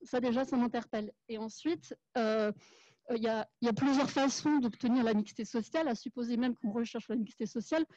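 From the audience at a debate in a small, crowded café room, a woman from the Paris suburbs, an urban planner and activist, makes an earnest, articulate argument. Her voice is a little high, quick and dark-toned, with no room sound, in a dull, lo-fi event recording.

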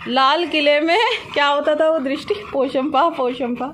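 A woman's voice: sits high, steady tone, normal speed, a bit bright, a little hiss or hum. A woman vlogging casually at home, chatting to the camera and teasing her pet dog in a playful sing-song way. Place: at home indoors.

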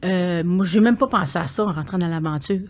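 Lively Québécois woman in her sixties. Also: on the low side, fairly quick. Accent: Québécois French. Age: 60s. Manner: animated storyteller, laughs often, tags phrases with "là". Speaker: podcast guest, singer. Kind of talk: casual conversation.

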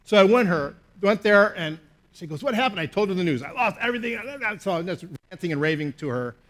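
A pastor man with a high voice preaches a sermon. He tells an animated, self-mocking story and keeps checking in with "okay?". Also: a little fast.

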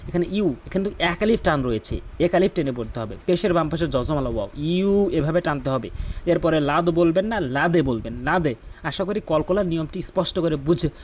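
Brief: man with a Bangladeshi Bengali accent, patient recitation teacher, voice sits a bit high. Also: darkish tone, slight background noise. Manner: patient, repeats words slowly for the viewer to copy. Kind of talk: Quran pronunciation lesson.

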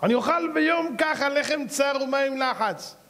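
Male rabbi, high-pitched voice, fervent sermon, shifts from earnest to shouting. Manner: impassioned, swings from low earnest tones to high shouted exclamations; addresses the audience directly as "gentlemen" and "brother". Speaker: rabbi giving a public lecture. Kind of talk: animated Torah lecture with storytelling.

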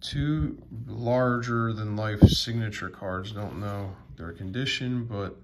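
A man casually sorting through sports cards on video, slowly reading out player names with many fillers. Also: on the low side, noisy background. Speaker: sports card vlogger. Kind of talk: casual card sorting commentary.

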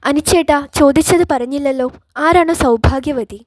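A woman's voice: sits high, moderate pace, no echo, studio quality, lightly acted. A woman voicing a heartbroken young woman who needles and reproaches her sister in a storybook reading. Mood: insistent.

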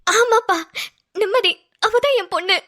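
Woman voicing a soft-hearted cartoon mother with a bright, high voice. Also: measured pace, heavily acted. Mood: warm. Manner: gentle, motherly, pleading. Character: kind, tender-hearted middle-aged mother. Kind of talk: homemade cartoon voice acting.

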